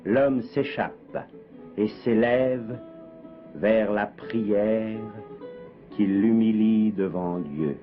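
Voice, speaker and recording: A man giving solemn, measured, poetic scripted documentary narration, heard as a 1950s TV broadcast. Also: fairly low pitch. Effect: 1950s TV broadcast sound. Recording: dull lo-fi 1958 archive with music. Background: plucked guitar music.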